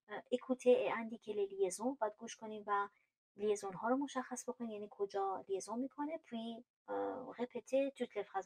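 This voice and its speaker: A Persian-speaking woman teaching a French grammar lesson, explaining patiently with frequent fillers and reading French verb forms aloud slowly. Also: a little high, a little mellow, poor audio.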